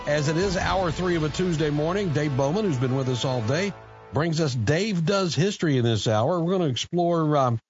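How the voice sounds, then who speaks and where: A man's voice: on the high side, normal speed. Male morning radio host, casual and upbeat. Music behind him, dull audio. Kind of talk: morning talk radio hosting.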